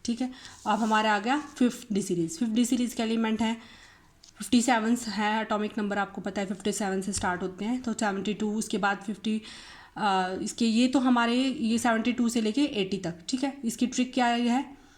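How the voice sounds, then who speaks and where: A woman teaching a casual chemistry lesson, chanting mnemonics slowly and often repeating herself. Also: fairly high pitch, fairly even intonation. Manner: conversational, frequent fillers and self-corrections.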